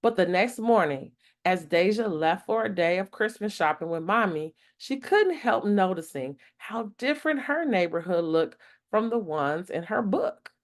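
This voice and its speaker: Taking the role of a storytime host, a woman reads a children's picture book aloud in a medium-pitched voice. Her phrasing is expressive and deliberate.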